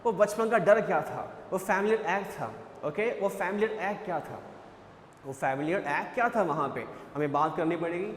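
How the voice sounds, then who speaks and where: A man's voice: on the high side, echoey room, in a large hall, slight background noise. A male English teacher with an Indian accent lecturing on a poem, switching between Hindi and English and repeating phrases as he explains.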